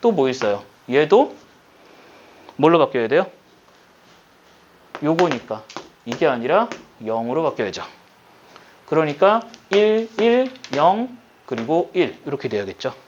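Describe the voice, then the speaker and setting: A high school Korean teacher, a man with a fairly high, lively voice that rises and falls, gives a recorded lesson. He works through a problem step by step, often pausing for quick check-in questions. The audio is dull and lo-fi, with slight background noise.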